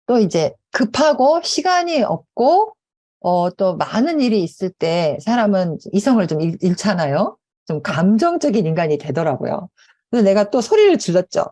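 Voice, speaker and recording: A middle-aged woman talks to a conference audience, acting out the people in her stories. Her voice is a little low and warm, and it rises and falls a lot. She tells her stories with animation. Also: normal speed. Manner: animated storytelling with acted quotes. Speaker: conference speaker. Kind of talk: conference talk. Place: conference hall.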